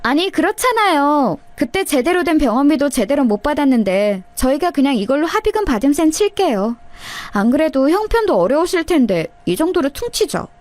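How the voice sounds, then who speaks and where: A woman's voice: high-pitched, sing-song, a little fast, a little mellow, no echo, pitched above the performer's own voice. A woman voicing a snide, scheming younger sister-in-law who talks in a mocking, sneering way in a radio-style story.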